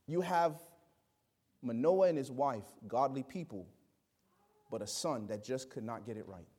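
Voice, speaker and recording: A man preaching a sermon, swinging between loud exclamations and quiet asides and acting out the people he quotes. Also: mid-range voice, measured pace, breathy edge. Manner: acts out quoted voices.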